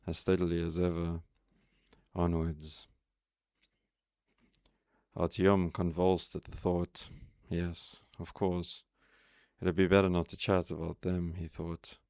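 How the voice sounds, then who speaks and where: A man narrating a novel chapter in a steady, measured reading. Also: low voice, dry recording, clean studio sound. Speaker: audiobook reader. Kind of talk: scripted narration.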